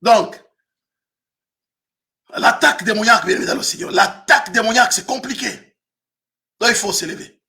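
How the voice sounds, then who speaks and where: A man in his fifties, a pastor from Africa, preaching a sermon with frequent shouted emphasis. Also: sits high, moderate pace, pauses often. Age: 50s.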